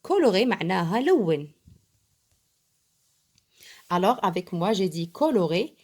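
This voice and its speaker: A woman, teaching primary pupils, slowly spelling out letters and switching into Arabic to explain. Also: mid-range voice, very animated, darkish tone. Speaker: primary school French teacher. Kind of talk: bilingual lesson explaining an exam.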